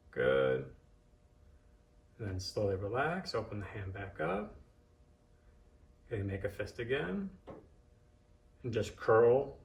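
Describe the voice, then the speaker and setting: A man teaches in a casual, practical way, thinking aloud and giving short, simple cues. His voice sits at a middle pitch. It is picked up at some distance in an echoey room. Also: gravelly, dull audio. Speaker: massage therapist and instructor. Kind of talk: casual hands-on demonstration, instructing.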